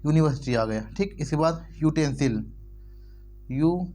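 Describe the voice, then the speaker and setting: A man's voice: a little high, animated, normal speed, dark tone, soft background music. A man teaching English grammar in Hindi, repeating words over and over and spelling them out letter by letter. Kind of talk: explanatory lesson in Hindi.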